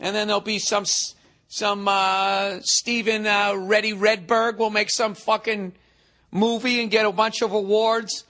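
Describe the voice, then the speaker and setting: His voice is high, level and sharp, and he talks a little slowly. In this comedic podcast rant, the host, a man in his forties, mocks a listener's email with profane sarcasm, sounding thoroughly exasperated.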